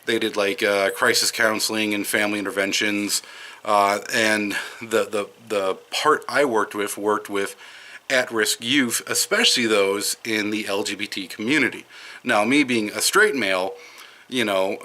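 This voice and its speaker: Bright-voiced Wisconsin man rambling outdoors. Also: on the low side, fairly even intonation, a little slow. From Madison, Wisconsin, USA. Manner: rambling, with frequent fillers and restarts. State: smoker's voice, on a smoke break. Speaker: video commentator. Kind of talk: casual unscripted monologue.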